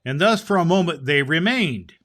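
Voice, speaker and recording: A man playing a kindly old Santa Claus, hosting a children's story show in a halting, explanatory way. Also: on the high side, expressive, fairly bright tone. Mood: storytelling.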